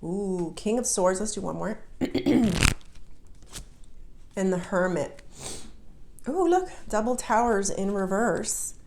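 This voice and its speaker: A woman's voice: mid-range voice, lively intonation, slow, pauses often, dark tone, reverberant, slight background noise. A woman giving a casual tarot reading straight to the viewer, heartfelt and emotional. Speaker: tarot reader.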